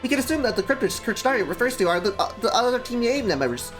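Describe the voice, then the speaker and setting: A man reading game text aloud while mimicking a fast-forwarded tape, high, squeaky and rushed. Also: sing-song, over music. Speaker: game streamer.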